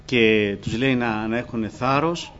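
A man's voice: medium pitch, fairly bright tone, dull audio. A man preaching a fervent sermon to his congregation, often calling them brothers. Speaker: pastor.

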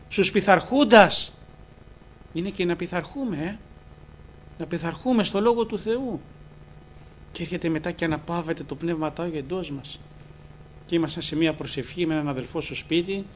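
A man giving an earnest, fervent testimony sermon, often quoting scripture. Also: high-pitched. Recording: dull lo-fi recording with faint ambient noise.

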